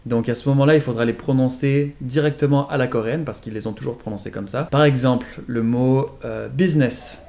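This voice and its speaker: A man's voice: medium pitch, brisk, creaky, few pauses, darkish tone. Man, patient explainer, casual lesson pace, demonstrates sounds. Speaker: accent teacher.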